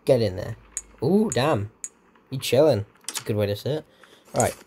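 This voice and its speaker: Excitable sweary gamer man. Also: mid-range voice, moderate pace, a little hiss or hum. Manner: excitable, swears at the game, mutters to himself. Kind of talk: let's play commentary.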